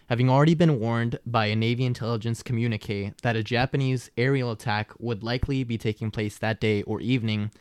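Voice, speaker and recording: A man's voice: medium pitch, clean tone, no echo. A man with an American accent hosting a podcast, telling stories in wordy language with casual asides. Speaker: podcast host.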